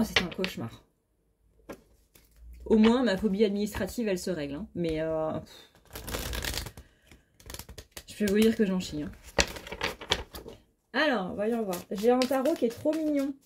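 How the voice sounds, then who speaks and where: Running on very little sleep, a woman reads tarot in an easygoing, talkative way, speaking frankly and with some mild cursing. Her mid-range voice has a darkish tone, and a little hiss or hum sits under the recording.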